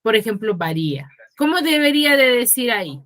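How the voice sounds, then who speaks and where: Brisk and sing-song, a woman's fairly high, slightly bright voice leads an online class over a video call. She is a Peruvian secondary school teacher with a Huaraz Spanish accent who constantly checks on students with tag questions and names them individually.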